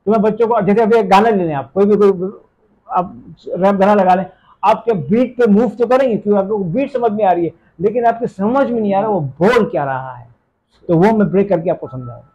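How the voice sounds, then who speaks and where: Warm and brisk, this high male voice comes through on lo-fi audio. He's an English teacher from Pakistan responding to interview questions with emphasis, mixing in English phrases and checking in with "theek hai?"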